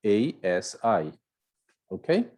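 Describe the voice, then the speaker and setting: Brazilian guy teaching english grammar online, mellow husky voice, keeps checking in with tá and né. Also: on the low side, huge pitch swings, drawn-out words. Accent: Brazilian Portuguese. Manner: explains step by step, often checking in with "tá?" and "né?".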